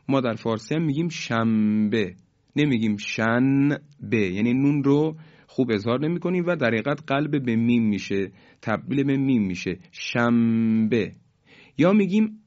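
A man teaching a Quranic tajweed lesson, explaining rules calmly and stretching out each example word slowly as he demonstrates its sound. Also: medium pitch, highs cut off. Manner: slow, drawn-out demonstrations of recited words.

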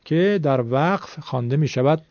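A man's voice: on the high side, animated, darkish tone, no room sound. A man teaching a recitation lesson, explaining the rules patiently and repeating words so learners can follow. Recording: dull lo-fi sound.

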